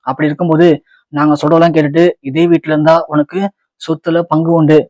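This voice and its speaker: A man's voice: fairly high pitch, little pitch movement, fast talker, a little mellow, dry recording, dull audio, close to an everyday voice. A man voicing a domineering elder brother who scolds and gives orders. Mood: scolding. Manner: scolding, commanding.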